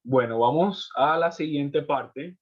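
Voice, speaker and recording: A man's voice: a little high, slow pace, husky. A man teaching an English class in Spanish, explaining rules step by step and checking in with his students after each point. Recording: muffled lo-fi audio.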